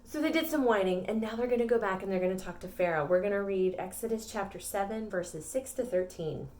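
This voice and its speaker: A woman's voice: medium pitch, brisk. Playful woman teaching kids' Sunday school. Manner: animated, playful, talks directly to children. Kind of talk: children's Bible lesson with props.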